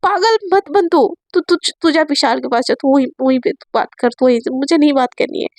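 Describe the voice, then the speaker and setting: A woman's voice: high voice, fairly quick, darkish tone, dry recording. A woman voicing a hurt, upset young woman in a spoken story, answering in a curt, dismissive way.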